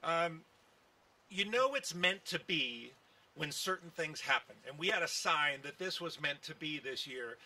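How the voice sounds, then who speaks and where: His voice a little high and sharp, a baseball team executive talks in an animated way but at a measured pace. The press remarks come at an outdoor park event through a podium mic on a stand, told as folksy stories heavy with fillers.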